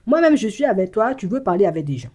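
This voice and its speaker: Speaking quickly with big pitch swings, a psychic reader with a dark, mid-range voice gives the viewer an intuitive reading. Her delivery is rambling and stammering, repetitive and packed with fillers. She sometimes speaks in the first person as if she were someone absent.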